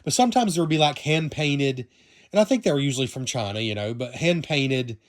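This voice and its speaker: This Southern U.S. man with a Southern accent casually reviews a vinyl toy, rambling and chatting with plenty of fillers and self-corrections as he talks to himself while handling it. His mid-range voice is expressive and a little fast.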